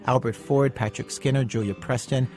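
Male radio host narrating over soft music. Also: mid-range voice, steady tone, normal speed. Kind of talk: scripted narration.

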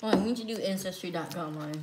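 A woman's voice: lowish voice, fast, very noisy. A woman off camera in casual family banter, arguing back incredulously and repeating herself for emphasis. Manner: incredulous, argumentative, repeats "right". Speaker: family member.

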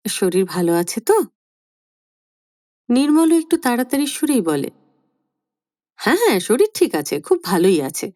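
A woman narrates a literary short story at an unhurried pace. Her voice is mellow and warm, and her pitch moves lively and expressively. A long reverb hangs after each line. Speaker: audiobook narrator.

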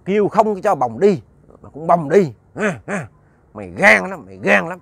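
A man's voice: high-pitched, animated, moderate pace, creaky, a bit bright, breathy edge, dry recording, voice pushed up, exaggerated voice. A man voicing a possessed old woman who speaks creepily through clenched teeth. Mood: menacing.

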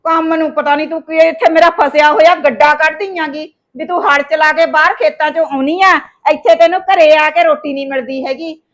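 A woman's voice: high-pitched, steady tone, fairly quick, hardly any pauses, a bit bright. A woman playing a nagging village mother-in-law. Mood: scolding. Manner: nagging, complaining, grumbles to herself. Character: scolding middle-aged village mother-in-law. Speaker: actor in a short village drama. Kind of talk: scripted village short film acting.

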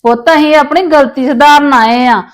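A woman with a high-pitched voice plays a mother-in-law in a family drama. She pleads and apologises, full of self-pity, asking to be forgiven. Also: steady tone, normal speed. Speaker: mother-in-law wanting her grandson back. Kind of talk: scripted village family drama.

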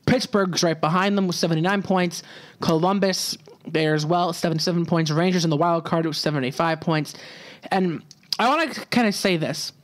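A young man with a notably high voice hosts his solo sports podcast. He talks casually and keeps restarting his sentences. Now and then he drops a sarcastic aside. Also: normal speed. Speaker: podcast host. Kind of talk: solo hockey podcast talk.

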